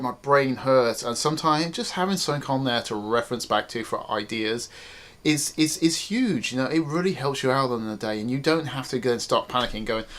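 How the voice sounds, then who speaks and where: A man's voice: medium pitch, a bit bright. A man, a wedding photographer, giving casual, emphatic advice to viewers in a chatty vlog. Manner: chatty, emphatic, repeats phrases.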